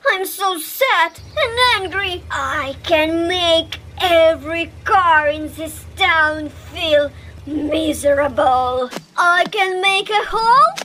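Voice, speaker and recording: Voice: extremely high pitch, slow pace, bright, forceful tone, a little hiss or hum, heavily acted. A performer voicing a sad, angry male excavator in a cartoon who turns bitter and wants revenge. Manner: sulky, bitter, tearful. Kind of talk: cartoon voice acting.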